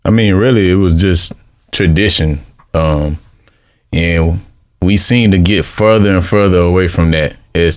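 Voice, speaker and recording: A man giving his views in a casual group debate. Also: low voice. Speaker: panel speaker.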